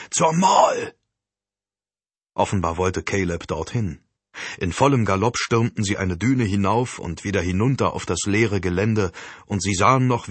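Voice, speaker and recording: Deep husky guy reading an audiobook, steady measured pace, bone dry sound. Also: no room sound. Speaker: audiobook narrator. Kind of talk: scripted audiobook narration.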